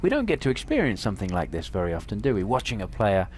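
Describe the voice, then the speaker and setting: A man hosting television golf commentary in a polished, measured broadcast delivery. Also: fairly low pitch, wildly swooping pitch, a little mellow, a little hiss or hum. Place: commentary booth at golf course.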